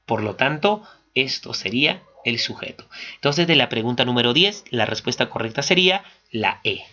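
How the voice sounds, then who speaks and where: A man's voice: medium pitch, moderate pace. A man teaching, walking through exam questions one by one, asking and answering his own questions. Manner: steady explanatory, asks and answers own questions. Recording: dull lo-fi recording.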